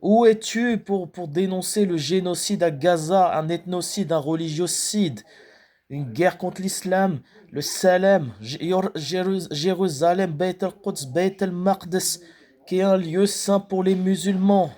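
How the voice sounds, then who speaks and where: A man delivering a spoken protest rap in a halting, freestyle way, often restarting words and hitting rhetorical questions hard. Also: high voice, darkish tone. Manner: slow, declaiming delivery with emphatic rhetorical questions. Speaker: rapper.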